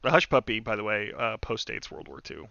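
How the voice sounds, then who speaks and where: Bright-voiced man with dry, profane humor. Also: on the low side, expressive, brisk, vocal fry, no echo, muffled recording. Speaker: podcast co-host. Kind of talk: casual chat.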